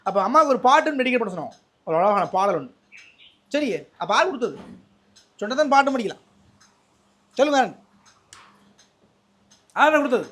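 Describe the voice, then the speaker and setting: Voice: medium pitch, very animated, a little fast, pauses often, a bit bright. A presenter with a Sri Lankan Tamil accent, delivering a surprise gift and chatting in a playful, teasing way. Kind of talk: casual on-camera banter.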